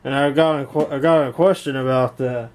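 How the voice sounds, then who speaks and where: A YouTube hobbyist demonstrates intercom gear at home, narrating casually from behind a handheld camera in a room, rambling hands-on and often repeating himself. His mid-range voice is steady, fairly quick and a little mellow.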